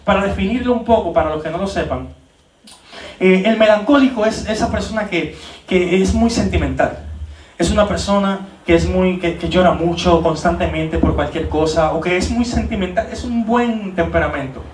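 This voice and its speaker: A man preaching at a leadership training in a church hall, animated, with many rhetorical questions and repeated words. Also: high voice, normal speed, far from the mic, slight background noise. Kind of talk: church teaching talk.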